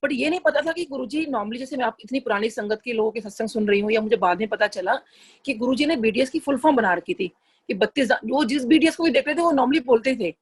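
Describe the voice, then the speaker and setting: Brief Middle-aged woman, slightly high and husky voice, chatty earnest testimony with English phrases mixed in. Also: expressive, quick pace. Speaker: satsang devotee sharing a personal experience. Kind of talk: casual spoken testimony.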